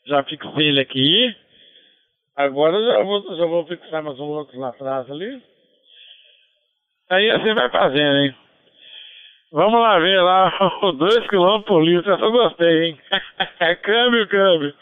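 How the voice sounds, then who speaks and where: A ham radio operator chatting casually over a two-way radio, relaxed and chuckling now and then. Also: male voice, fairly high pitch, a little slow, long pauses, clean tone, no echo. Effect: transmitted over a two-way radio. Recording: narrow tinny radio transmission.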